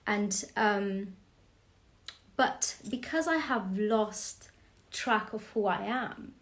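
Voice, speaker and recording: A woman from Romania in her forties talks through her first live stream. She goes at an unhurried, careful pace, pausing often with fillers as she finds her words. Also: medium pitch, lively intonation. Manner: slow, hesitant, with many fillers. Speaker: host.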